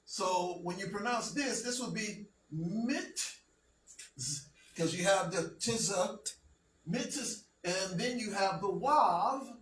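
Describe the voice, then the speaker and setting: A man teaching a language lesson to a class, speaking slowly and deliberately and often checking that everyone follows. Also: sits high. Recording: roomy, from a distance, faint noise.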